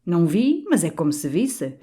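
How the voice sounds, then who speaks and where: A woman's voice: sits low, expressive, measured pace, dark tone. A woman voicing an old, stout, blustering canon priest who bellows in outrage, for an audiobook. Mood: furious.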